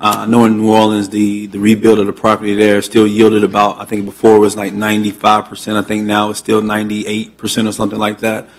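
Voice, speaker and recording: A man's voice: on the low side, monotone, quick pace, hardly any pauses, breathy edge. A man serving as a county commissioner, asking earnest questions at a public meeting with many restarts.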